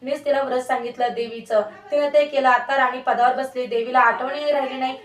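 A woman's voice: high voice, fairly even intonation, fairly quick, lightly acted. A woman voicing a goddess disguised as a bitter old beggar woman, reading a devotional tale in an echoey room, far from the mic. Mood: indignant. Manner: scolding, bitter.

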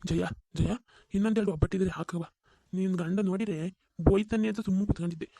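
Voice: mid-range voice, fairly even intonation, quick pace, warm tone, dry recording, clean studio sound, close to an everyday voice. A performer voicing a greedy, lazy village man, wheedling in a cartoon. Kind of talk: cartoon voice acting.

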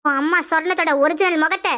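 A scheming, bossy village mother from a cartoon squeals her scolding in a very high, piercing tone, voiced by a woman. She speaks with a Kanyakumari Tamil accent and a rapid, nagging rhythm. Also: fairly even intonation. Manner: shrill, scolding, fast, rising to yells. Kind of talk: cartoon voice acting.

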